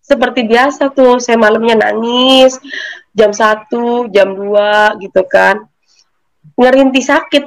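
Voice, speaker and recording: A woman giving a personal faith testimony, telling her story in an animated way and acting out the voices of people she quotes. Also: on the high side, poor audio. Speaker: testimony giver.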